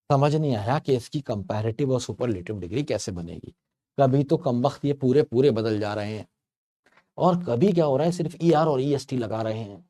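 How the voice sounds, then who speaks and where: A man with a mellow, mid-range voice explains English grammar to learners. His lesson is chatty and told like a story, and he playfully stretches out words to drive home a point.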